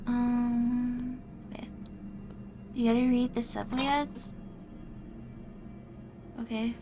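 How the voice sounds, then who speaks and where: A young woman streaming a game, chatting casually, reacting aloud and thanking her viewers, her voice going hoarse. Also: fairly high pitch, flat delivery, slow pace, music in the background. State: losing her voice.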